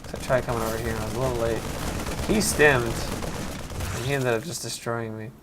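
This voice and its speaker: A man's voice: mid-range voice, steady tone, a little fast, background noise. A man casually commentating his own strategy game match, rambling and often correcting himself. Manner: rambling, self-correcting, chatty.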